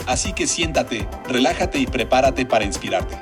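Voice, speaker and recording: A man's voice: mid-range voice, animated, normal speed, over music. Upbeat male announcer, scripted intro. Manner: upbeat, polished announcer delivery. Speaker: show announcer.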